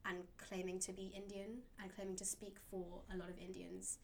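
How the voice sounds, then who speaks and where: A woman's voice: mid-range voice, level tone, normal speed, gravelly, a little hiss or hum. A young woman in casual conversation as a guest, reflective and full of "like" and "um". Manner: reflective, many fillers like "like" and "um".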